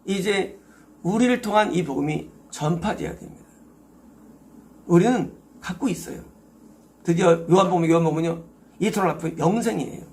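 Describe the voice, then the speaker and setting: A man's voice: sits high, moderate pace, pauses often, a little mellow. A male pastor preaching an expository sermon, emphatic, asking rhetorical questions and answering them himself.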